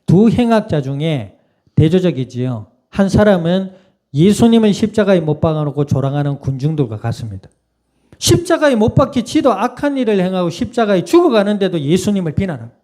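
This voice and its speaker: A man's voice: high-pitched, very animated, fairly quick, mellow. A man preaching a Sunday sermon in a conversational way, asking the congregation questions and laughing now and then. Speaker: pastor. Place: church sanctuary.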